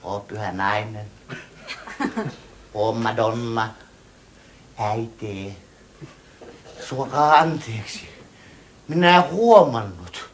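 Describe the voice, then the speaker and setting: A jubilant, slightly tipsy Jesus at a wedding feast, as a man puts him on in a stage monologue. He calls out in a high, swooping, exuberant voice. He shifts readily between loud cheer and soft pleading. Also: big pitch swings, slight background noise, heavily acted. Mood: apologetic. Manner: exuberant, shouting invitations.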